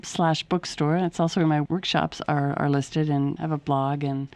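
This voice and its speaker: A woman's voice: low voice, fairly even intonation, moderate pace, a little mellow, no room sound. A middle-aged woman, an author, explaining things in a radio interview in an earnest way, often restarting her sentences. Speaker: author and guest.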